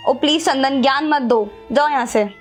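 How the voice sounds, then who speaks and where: A woman's voice: sits high, normal speed, faint music behind, natural voice. A young woman acting a selfish, dismissive wife who left her husband, pleading with her boyfriend in a dramatic short film. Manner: dismissive, pleading, mixes English phrases. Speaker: actress playing Rubika, an unfaithful wife.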